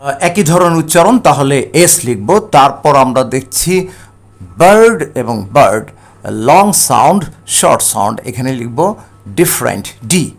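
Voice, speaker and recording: A man, an English teacher giving a recorded lesson. He explains step by step and reads each English phrase slowly. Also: medium pitch, lively intonation, creaky. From Bangladesh.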